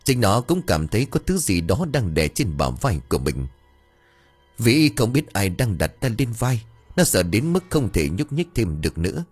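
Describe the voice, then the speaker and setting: Low-voiced man telling a ghost story. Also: moderate pace, husky. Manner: dramatic, expressive storytelling. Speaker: narrator. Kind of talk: audio story narration. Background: faint music.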